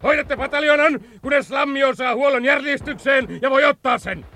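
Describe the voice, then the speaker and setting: A harsh, ruthless lieutenant colonel tears into his officers in a radio play. His voice sits very high and cuts sharp and bright. Orders come out as furious barked shouts. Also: full character voice. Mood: cold scolding. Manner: barking, furious shouted commands.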